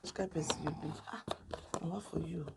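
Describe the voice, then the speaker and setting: A woman's voice: deep voice, fairly even intonation, quick pace, creaky, background noise. Young Nigerian woman teasing in Pidgin. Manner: teasing, scolding, Pidgin-mixed chatter. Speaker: vlog co-host. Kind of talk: casual couple chat.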